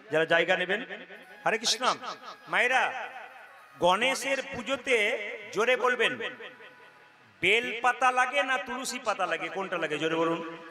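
A man performing devotional storytelling to a live audience, talking directly to them and posing rhetorical questions. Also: high-pitched. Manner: direct, instructs the crowd, asks rhetorical questions. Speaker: kirtan singer and storyteller. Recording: live crowd behind.

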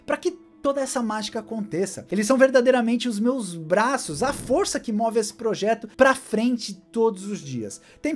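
A man, giving a heartfelt, animated year-end thank-you to camera from a home studio. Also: high voice. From Brazil. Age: 40s. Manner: warm, gesturing animatedly, emotional. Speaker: tech YouTuber. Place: home studio with gaming chair and collectibles.

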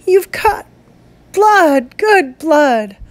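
A woman reading aloud, voicing a frantic old grandmother who begs in high, pleading cries. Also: sing-song, very slow, no room sound, exaggerated voice. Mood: desperate pleading.

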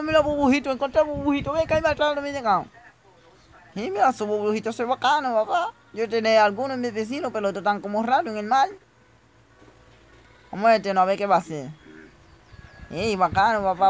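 A man's voice: high voice, a little fast. A man giving comedic gameplay commentary, talking straight to his viewers and breaking into panicked shrieks. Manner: chatty, addresses viewers directly. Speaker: gaming youtuber.

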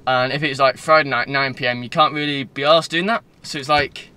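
His voice is bright, forceful and clean, mid-pitched with fairly even intonation and a slightly fast pace. He's a Northern English man in his 20s rambling loosely in a vlog, filmed on a phone at arm's length in a car with faint background noise.

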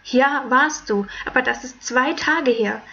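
A woman voicing an anxious, tearful young princess who talks haltingly. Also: sits high, vocal fry, sharp tone, highs cut off, exaggerated voice. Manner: anxious, faltering.

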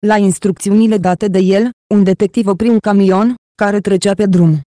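Mellow-voiced audiobook narrator. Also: mid-range voice, fairly even intonation, no room sound, clean studio sound. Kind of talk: scripted narration.

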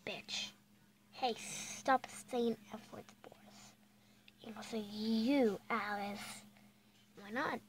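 A female speaker with a fairly high voice doing a whispered role-play, playing out toy characters. She talks slowly and lingers on her words, dropping into hushed whispers and then bursting out loud, with plenty of swearing. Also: slight background noise, rough recording. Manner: playful, swears a lot, switches between whispers and loud outbursts.

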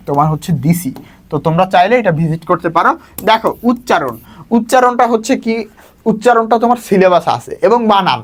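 A young man, coaching students through exam topics in a brisk tone and calling them brother. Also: high voice. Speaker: admission test tutor. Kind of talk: exam prep lesson.

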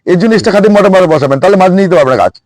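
A man who runs a plant nursery, explaining in a quick, excited, repetitive way in a casual chat outdoors at his nursery. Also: high-pitched, dry recording.

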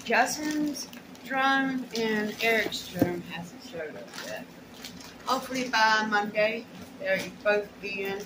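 Speaking slowly in a mid-range voice, this middle-aged haul vlogger unpacks her purchases indoors in a small room at home. Her chatter is relaxed, colloquial and folksy, captured on a noisy home camera.

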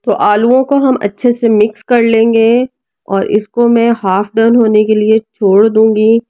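Speaking a little slowly in a fairly high, warm voice with little pitch movement, a mother with a Pakistani Urdu accent narrates a casual cooking and family vlog. She chats from her home kitchen and family room and often asks viewers to help out, in a dry recording.

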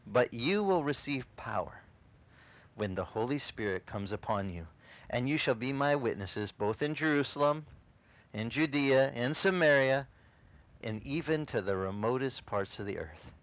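A middle-aged man, whose first language is not English, preaches an animated and casual sermon outdoors on a beach, gesturing and acting out the voices he quotes. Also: mid-range voice, measured pace, rough recording. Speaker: pastor.

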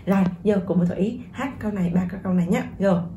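A woman teaching English pronunciation through a song, with a very dark, mellow voice. She encourages her viewers and repeats each word slowly to show how it is said. The recording has a roomy echo. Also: mid-range voice, slight background noise.

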